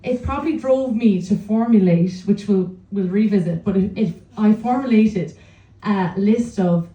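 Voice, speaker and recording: The voice is a young Irish woman's, relaxed and mellow at a middling pitch. She tells personal stories like an informal Irish storyteller, chatty and humorously self-deprecating, speaking live in a noticeably echoey room. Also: unhurried, distant mic, highs cut off. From County Laois, Ireland. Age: young adult. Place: indoor room at a live event.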